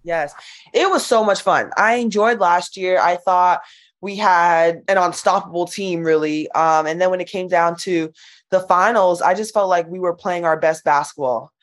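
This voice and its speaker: A woman's voice: on the low side, normal speed. A young woman in a casual interview about her basketball career, chatty and giggly, saying "like" often. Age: young adult. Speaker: college basketball player.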